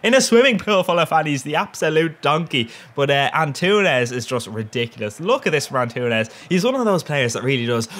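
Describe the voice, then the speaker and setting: A man's voice: on the high side, very animated, brisk, few pauses, fairly bright tone. A young man giving cheeky, crude gameplay commentary, often laughing at his own jokes. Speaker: gaming YouTuber.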